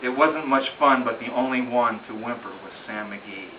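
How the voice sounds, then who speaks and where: At a gathering in a home, an amateur reader gives a dramatic, rhythmic recitation of a narrative ballad, telling it like a story with emphatic phrasing. His voice is medium-pitched and his speed normal. The home recording is roomy, distant and muffled, with faint noise.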